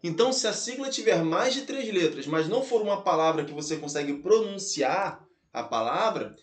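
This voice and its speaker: A Brazilian man with a high voice teaches a grammar class with lively energy. He keeps calling out to his students and slows down to spell letters out one at a time. The sound is roomy and echoing. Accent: Brazilian Portuguese. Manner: lively, addresses viewers as "galera" and "pessoal", spells letters out slowly. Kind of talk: online grammar lesson.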